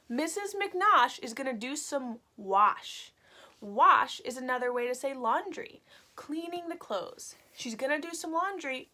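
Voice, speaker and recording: Reading a picture book aloud to young children, a woman with a slightly high voice is animated and expressive. Like a teacher, she pauses to explain words in simple terms.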